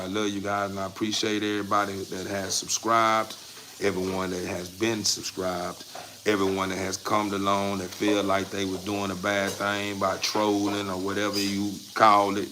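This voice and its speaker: With a fairly low, pushed, bright voice, an American man runs a casual livestream for his dog breeder channel. His talk is rambling, folksy, and encouraging, full of recurring catchphrases, with a little background noise.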